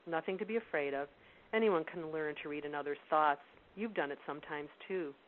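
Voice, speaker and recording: A woman's voice: low voice, brisk, lightly acted. A woman voicing an elderly male Welsh wizard in a storybook reading, knowing and confiding, over a tinny phone line with hiss.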